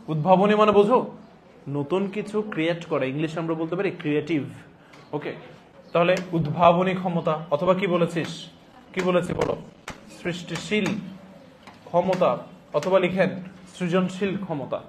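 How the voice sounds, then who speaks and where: A man giving a classroom lecture as a teacher, repeating phrases deliberately for dictation and prompting students with emphatic questions. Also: a little high, a little hiss or hum. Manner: repeats phrases slowly and deliberately for note-taking.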